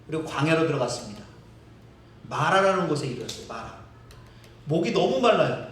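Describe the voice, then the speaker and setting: A man's voice: on the high side, very animated, a little fast, fairly bright tone, slight background noise. A male pastor preaching a sermon, telling the story vividly, acting out quotes and chuckling. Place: church sanctuary. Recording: very echoey hall, distant mic.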